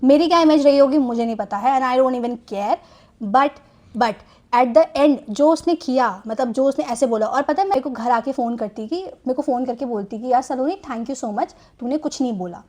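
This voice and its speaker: A woman's voice: high voice, normal speed, a little mellow. A young woman telling a personal story in a casual, chatty way, mixing in English phrases and often adding "theek hai". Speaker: storytime vlogger.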